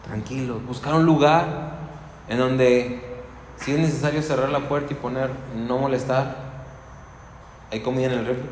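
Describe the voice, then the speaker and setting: A man with a Mexican accent preaches in a loose, conversational way, often restarting his sentences and drifting into personal asides. His mid-pitched voice rings around a church hall with long reverb. A faint hum of background noise sits behind him. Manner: relaxed storytelling, with frequent restarts and asides. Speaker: pastor. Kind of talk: conversational sermon.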